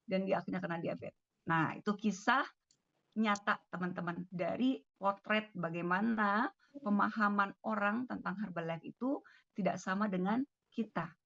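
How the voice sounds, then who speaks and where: A woman's voice: mid-range voice, normal speed, vocal fry, a bit bright, dry recording. A woman doctor with an Indonesian accent telling a story on a video call and acting out the dialogue. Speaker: doctor giving a talk. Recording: dull lo-fi video call audio.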